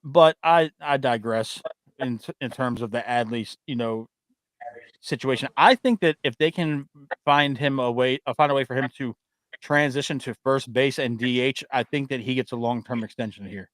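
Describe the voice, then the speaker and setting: A blunt, opinionated man hosting a sports talk show, ranting about players and throwing in a curse now and then. His voice is mid-pitched. The sound is dry and close, with no room echo. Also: normal speed, fairly bright tone. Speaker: host. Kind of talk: casual sports chat.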